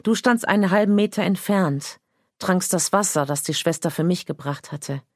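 A woman narrating a first-person literary story in a quiet, measured, intimate reading. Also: on the low side, dry recording, clean studio sound. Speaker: audiobook narrator.

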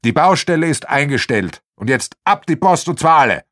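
A man's voice: fairly high pitch, big pitch swings, moderate pace, fairly bright tone, voice pushed up. A man playing a curt police investigator. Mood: stern. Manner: curt, commanding. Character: firm, self-assured male police investigator.

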